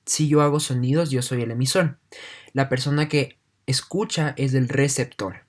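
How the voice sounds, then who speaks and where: Guy teaching an online class, reads bits then explains them plainly, keeps saying "so" and "right?", calm pace. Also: medium pitch, moderate pace. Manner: leans heavily on "entonces" and checks in with "¿no?".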